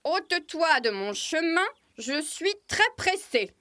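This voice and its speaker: A woman's voice: very high voice, big pitch swings, slow pace, sharp tone, no room sound, clean studio sound, heavily acted. A woman voicing a proud, stubborn and bossy male rooster in a children's storybook recording. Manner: pompous, commanding. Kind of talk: storybook acting.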